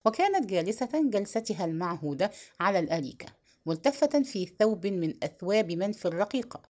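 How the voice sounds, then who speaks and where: Woman audiobook narrator, expressive storyteller, lively pitch, scripted novel reading.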